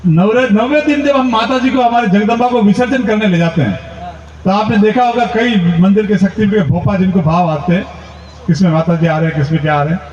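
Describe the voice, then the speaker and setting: Man, comic stage storyteller, high voice, echoey distant lo-fi recording. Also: a little fast. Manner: animated, mimics relatives in high squeals. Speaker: comedian poet. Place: large event stage. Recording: roomy far-off lo-fi stage recording.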